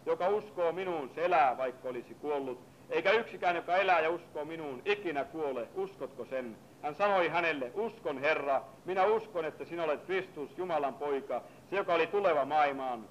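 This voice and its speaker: A man preacher reading a scripture passage in a low, measured voice, then preaching with rising fervor. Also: animated, a little hiss or hum, rough recording.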